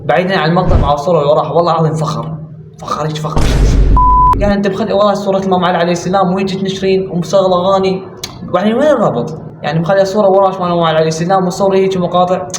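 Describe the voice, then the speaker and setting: A man's voice: sits high, steady tone. A man with an Iraqi accent giving mocking, sarcastic reaction commentary. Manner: mocking, sarcastic, rapid-fire ranting. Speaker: commentary YouTuber. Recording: roomy, distant mic, music behind.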